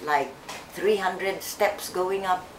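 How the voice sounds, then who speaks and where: An older woman speaks slowly and haltingly, pausing often and starting her sentences over. Her voice sits a little low. The room is echoey, with faint noise underneath. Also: fairly even intonation. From Philippines. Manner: slow, hesitant, with many fillers and restarts. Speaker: interviewee. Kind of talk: oral history interview.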